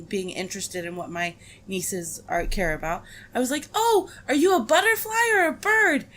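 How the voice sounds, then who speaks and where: A woman co-hosting a relaxed podcast, her voice at an ordinary middle pitch. She tells playful stories and teases her partner with a dry touch. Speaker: podcast co-host. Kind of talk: casual podcast chat.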